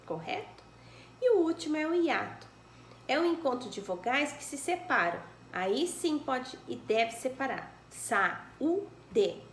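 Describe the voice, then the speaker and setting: A woman's voice: on the high side, reverberant, a little hiss or hum. A woman primary school teacher with a Brazilian accent, patiently correcting homework in a recorded lesson and checking in with the children as she goes. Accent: Brazilian Portuguese. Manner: patient, explains slowly, checks with "né?" and "tá bom?".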